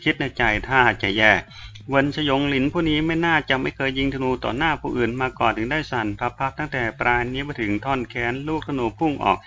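Male audiobook narrator, even reading, bright timbre, middle pitch. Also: fast, creaky, few pauses, lo-fi sound, faint music behind. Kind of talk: scripted story narration.

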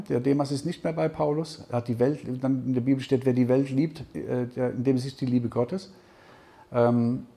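A man giving a conversational Bible seminar talk, often checking in with the audience with a quick "ja?". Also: medium pitch, gravelly, a little mellow. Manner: conversational, keeps asking "ja?". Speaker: Bible teacher. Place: seminar hall with audience questions.

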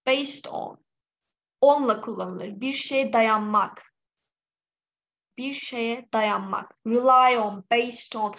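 A woman from Turkey teaching a live online English exam-prep lesson, lively and encouraging, with a slightly hoarse voice. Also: high-pitched, poor audio. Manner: lively, encouraging, reads out student names.

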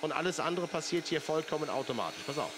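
Slightly high-voiced man demonstrating products, infomercial style. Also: expressive, fast, background noise. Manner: chatty, persuasive, addresses viewers with questions. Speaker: teleshopping product presenter.

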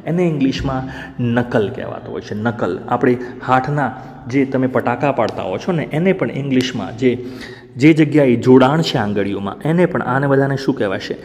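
A man teaches a language lesson at an unhurried pace, reading out the spelling of each word one letter at a time. He keeps checking in with his learners by asking how a word is pronounced. His mid-range voice carries a long reverb from the room. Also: mid-range voice, animated, darkish tone. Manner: spells words out slowly letter by letter, asks learners questions. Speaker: English teacher.

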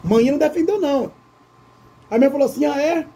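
A man who tells a story to his viewers while eating, in an animated way and often calling out to them. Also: extremely high pitch, quick pace, slight background noise. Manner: animated, addresses viewers as "gente". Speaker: vlogger. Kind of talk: casual storytelling during a mukbang.

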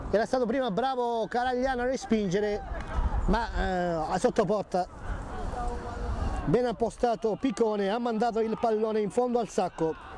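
Football commentator: Italian man, high voice, excitable delivery, noisy outdoor pitch-side recording. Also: measured pace. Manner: excitable, voice rising to shouts at key moments. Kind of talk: live local football commentary.

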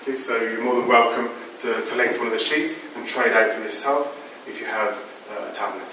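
A man's voice: mid-range voice, fairly even intonation, brisk, bright, forceful tone, a little hiss or hum. A middle-aged man giving an informal conference talk in a large lecture hall, explaining with frequent fillers. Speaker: conference presenter. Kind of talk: conference talk with audience questions. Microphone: far room mic, not using microphone. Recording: echoey hall from far off.

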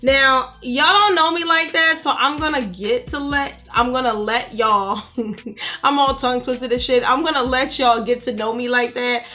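A woman's voice: sits high, fairly even intonation, normal speed, pushed and bright, soft background music. A woman hosting a reaction video, talking casually in a sassy, profane way and calling viewers honey. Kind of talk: casual vlog intro.

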